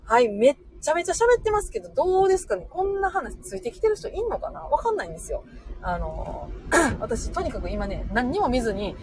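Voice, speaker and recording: A middle-aged woman from Osaka and Nara with a Kansai accent, talking off the cuff on a livestream in a rapid, chatty way. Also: high voice, big pitch swings, darkish tone, a little hiss or hum. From Osaka-born, raised in Nara. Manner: rapid chatty machine-gun talk. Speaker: livestream host. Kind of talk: unscripted livestream talk reading comments.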